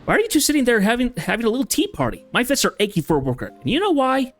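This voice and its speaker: A man's voice: huge pitch swings, racing, a bit bright, soft background music, full character voice. A man voicing a brash, boastful male fighter eager for a brawl, in a rowdy, raised voice. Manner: rowdy, boastful, higher than his own voice.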